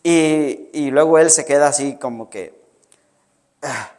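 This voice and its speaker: High-pitched Mexican preacher in a hall. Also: male voice, slow pace, darkish tone. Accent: Mexican Spanish. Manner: conversational, repeats words, many fillers. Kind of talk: sermon.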